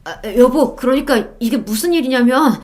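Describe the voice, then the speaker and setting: A woman's voice: sits high, expressive, normal speed, a little mellow, pitched above the performer's own voice. A woman voicing a cheating husband who stammers and pleads for a chance to explain. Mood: pleading. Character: cheating husband, middle-aged man, pleading and flustered.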